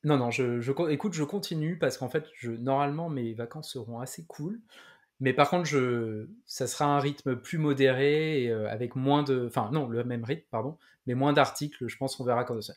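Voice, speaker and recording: A man's voice: mid-range voice, normal speed. A man co-hosting a casual tech podcast chat. He hesitates often, using fillers and stopping to restart his sentences as he talks. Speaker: podcast co-host.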